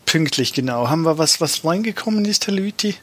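A man hosting a comedic panel show, questioning the guest in a brisk, mock-strict way. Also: a little high, lively intonation, fairly bright tone, slightly rough, no echo. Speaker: host.

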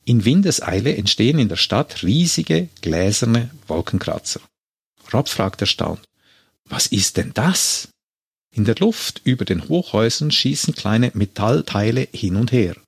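A man's voice: medium pitch, sing-song, moderate pace, husky, no echo, clean studio sound. A man casually retelling a film scene by scene in a chat. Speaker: podcast co-host retelling a film.

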